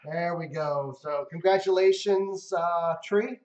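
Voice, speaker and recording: Slowly, in a fairly high-pitched voice, a man runs a casual livestream, upbeat with his viewers and giving cars away. The recording sounds roomy and dull, lo-fi.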